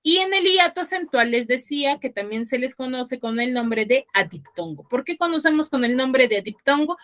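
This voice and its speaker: Bright, higher-voiced woman teacher, patient step-by-step explainer, video-call lesson. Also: lively intonation, moderate pace. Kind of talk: online class lecture.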